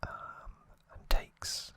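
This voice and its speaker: An ASMR host whispers a trivia recap in a breathy, unvoiced way, dropping halting, informal asides. The tone is bright and forceful, with no room sound.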